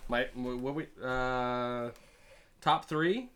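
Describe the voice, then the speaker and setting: A man's voice: mid-range voice, slow pace, noisy background. A man in his forties co-hosting a casual sports chat, joking, swearing and laughing often. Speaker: podcast co-host.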